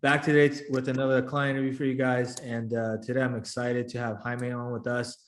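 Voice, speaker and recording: A man's voice: medium pitch, monotone, a little fast, echoey room. A man hosting a casual interview over a video call, chatty and full of fillers. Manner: filler-heavy, loose and chatty. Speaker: interview host, founder of a career coaching program.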